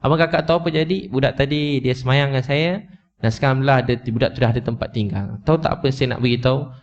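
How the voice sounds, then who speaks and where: A man's voice: medium pitch, rapid-fire. A man preaching to a live audience, telling a story with emotion, repeating his points and speaking straight to his listeners. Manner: emotional, repetitive, addresses listeners directly. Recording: slightly dull lo-fi recording.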